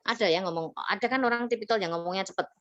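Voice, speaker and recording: A woman teaching sales communication in an online workshop, lively and acting out sales pitches. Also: dry recording, muffled recording. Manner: lively, acts out customers and salespeople in quick voices.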